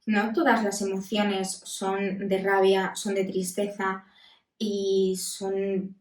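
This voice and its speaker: A woman in her thirties talks as a psychologist, calm and candid, often pausing to find her words. Her voice rings in a roomy space, picked up from a little distance. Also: medium pitch. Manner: calm, candid, with many pauses. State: voice breaking with emotion. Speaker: psychologist and podcast host. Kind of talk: reflective self-help talk. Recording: roomy echo, mic at a distance.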